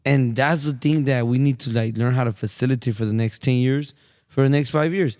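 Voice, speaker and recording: A man hosting a podcast in casual chat, talking quickly and saying bro a lot. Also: medium pitch, darkish tone. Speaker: podcast host.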